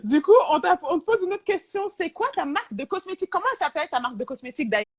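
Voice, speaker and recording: High-voiced woman hosting a live interview. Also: sing-song, rapid-fire. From France. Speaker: host. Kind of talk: casual live-stream interview. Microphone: video call.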